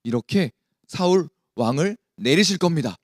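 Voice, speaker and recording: A man voicing an angry old male prophet scolding a king in a loud, rebuking tone. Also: expressive, normal speed, no echo, clean studio sound. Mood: angry rebuke. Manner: loud, rebuking, raised pitch.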